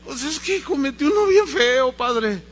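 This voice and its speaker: A man's voice: very high voice, expressive, unhurried, a bit bright, pitched above the performer's own voice, heavily acted. A man acting out a timid eight-year-old boy, talking in a small, meek, pleading voice.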